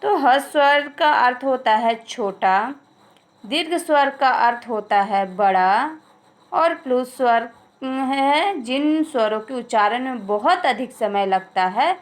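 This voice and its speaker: A woman's voice: high voice, expressive, slow. A woman teacher giving a recorded grammar lesson, explaining step by step, asking and answering her own questions and drawing out example sounds.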